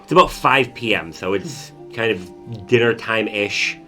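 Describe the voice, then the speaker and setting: A man runs a tabletop game, narrating scenes in a loose, rambling way full of fillers. His voice sits low but sounds bright and forceful. Faint music plays underneath. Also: a little slow. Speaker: game master.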